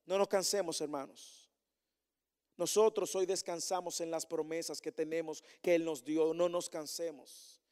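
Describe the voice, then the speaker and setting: High-voiced preaching man in reverberant hall. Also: steady tone, a little slow, a little mellow, clear, resonant tone. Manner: repetitive rhetorical refrains and direct questions to the congregation. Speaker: pastor. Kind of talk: sermon. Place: church meeting hall with a congregation.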